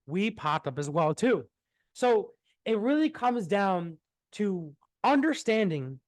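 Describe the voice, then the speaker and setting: A man's voice: high-pitched, dry recording. A young man talking casually about marketing, rambling, repeating words and swearing now and then. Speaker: marketing entrepreneur. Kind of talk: casual business talk.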